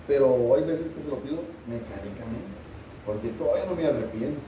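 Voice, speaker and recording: A man's voice: medium pitch, animated, a little fast, dark tone, reverberant, far from the mic, a little hiss or hum, low-quality recording. A middle-aged man, preaching a sermon as pastor and asking the congregation questions. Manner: earnest, asks the congregation questions. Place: church sanctuary.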